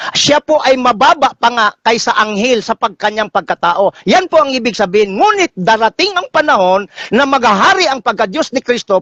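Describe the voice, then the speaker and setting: A man's voice: extremely high pitch, a bit bright, dry recording, muffled recording. A man with a Filipino accent arguing theology in a heated debate, pressing his points and cutting in to answer. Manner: insistent, cuts in to answer.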